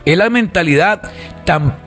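Costa rican pastor preaching online, high-pitched guy, soft music under him. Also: measured pace. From Costa Rica. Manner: fervent, repetitive calls to the congregation. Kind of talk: online sermon.

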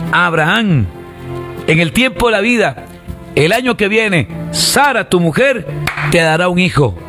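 Fervent Costa Rican preacher, high voice. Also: male voice, a bit bright. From Costa Rica. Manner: fervent, repetitive calls to the congregation. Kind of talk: online sermon.

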